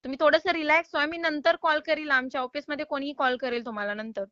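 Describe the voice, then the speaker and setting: A woman's voice: sits high, fairly even intonation, fast, pushed and bright, dry recording, muffled recording. A woman calling to collect a loan payment, polite but insistent and exasperated. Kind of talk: phone call.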